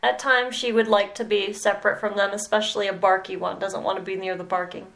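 Gravelly-voiced woman mentoring, hesitant. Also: mid-range voice, flat delivery, fairly bright tone, rough recording. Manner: slow, hesitant, pausing with many "okay"s. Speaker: animal communication mentor. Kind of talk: mentoring session.

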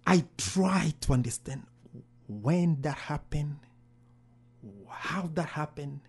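A man's voice: fairly high pitch, slow, darkish tone, husky. A man, a pastor, earnestly telling his story in an interview, often repeating phrases. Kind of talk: interview testimony.

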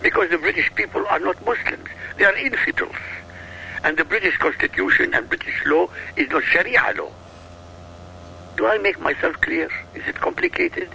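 This is a man from Iraq holding forth as a talk show guest. He is emphatic and insistent and throws out rhetorical questions. His voice is sharp and forceful, fairly high, and swings across a wide range. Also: very animated, normal speed, gravelly, a little hiss or hum, low-quality recording. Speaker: guest commentator. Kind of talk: heated political talk.

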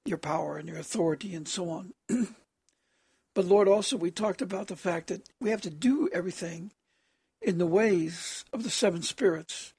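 A preacher with a harsh, hoarse voice, speaking haltingly in an extemporaneous sermon addressed as prayer, often clearing the throat. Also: medium pitch, darkish tone, dry recording.

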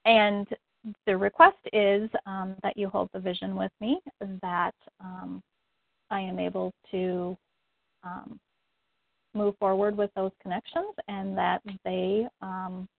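A woman speaking hesitantly on a coaching call, pausing often with fillers. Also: medium pitch, flat delivery, gravelly, no room sound. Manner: hesitant, many ums. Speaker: coaching student. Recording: tinny phone line.

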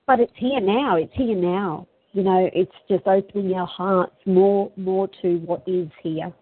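A woman's voice: medium pitch, unhurried, slightly rough, no echo. A narrow, phone-like recording carries an Australian woman in casual, heartfelt conversation. She talks in an earthy, colloquial Aussie bush manner, earnest and reflective. The sound is close and dry, with hardly any room to it. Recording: tinny phone-line sound.

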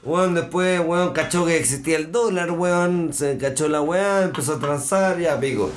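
Chilean man, drunk, rambling slangy podcast host, slightly high voice, faint background hiss. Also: normal speed. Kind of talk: casual chat.

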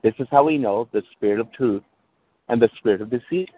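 A male pastor with a medium-pitched, brisk voice preaches over a tinny call line that breaks up, with a little hiss or hum. He checks in with listeners and restarts phrases as he goes.

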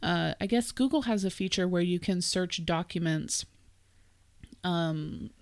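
A woman's voice: on the low side, a little slow, no echo. A woman co-hosting a podcast in casual chat, thinking aloud with fillers. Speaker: podcast co-host.

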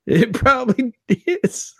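A man's voice: very high-pitched, very animated, slow pace, gravelly, a bit bright, breathy edge. A man co-hosting a podcast in casual chat, brash and swearing freely. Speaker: podcast co-host.

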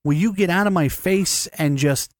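A man with a high voice co-hosts a podcast at a moderate pace, rambling through casual conversation, cursing freely and often restarting what he's saying. The sound is clean studio quality without echo.

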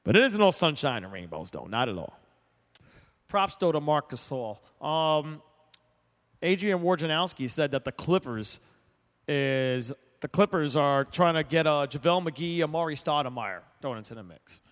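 Animated and opinionated, a male sports talk host speaks at normal speed in a somewhat high, slightly bright voice. He's blunt, rambling, and prone to restarting and repeating himself. The recording has a long, echoing reverb.

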